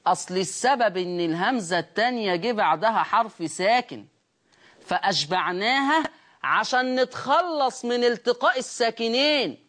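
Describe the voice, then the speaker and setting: A woman with an Egyptian accent teaching Quran recitation rules on a broadcast, explaining quickly and often checking whether her listeners follow. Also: fairly high pitch, lively intonation, a bit bright. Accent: Egyptian Arabic.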